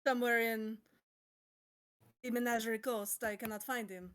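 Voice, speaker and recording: A woman voicing an earnest young woman adventurer in a tabletop game, with a put-on German-style accent that slides toward Russian and halting, deliberate phrasing. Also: on the high side, steady tone, fairly bright tone, lightly acted. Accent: put-on German-style accent slipping into Russian.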